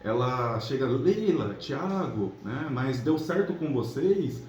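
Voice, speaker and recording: This Brazilian channel host and relationship coach, from São Paulo state, delivers casual motivational coaching in colloquial chat, checking in with viewers through tag questions. His mid-range voice is very animated yet slow-paced and a little mellow. The muffled recording carries a roomy echo and clear background noise.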